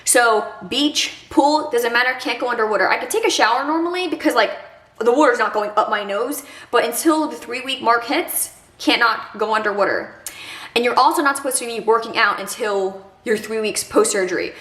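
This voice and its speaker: A woman's voice: on the high side, fairly quick, fairly bright tone, echoey room. A young woman with a congested nose, chatting casually in an advice vlog, full of fillers. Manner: chatty, many fillers like "like" and "kinda". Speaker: vlogger.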